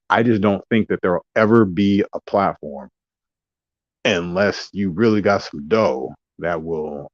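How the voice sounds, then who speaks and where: Low-voiced man rambling in a dull dry recording. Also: no room sound. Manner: rambling, wandering asides and mock voices. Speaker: vlogger. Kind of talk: rambling casual monologue.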